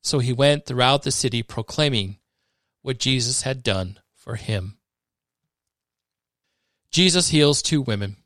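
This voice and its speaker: A man giving a measured, expressive scripted reading of scripture for a podcast. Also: medium pitch, dry recording, studio quality. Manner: measured, expressive reading that rises for dramatic moments. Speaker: scripture reader.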